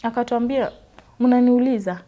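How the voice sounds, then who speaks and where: A warm, fairly high-pitched woman's voice speaks at a moderate pace. She is a Kenyan in her twenties from Western Kenya, giving an earnest personal testimony interview about her life in a free blend of English and Swahili.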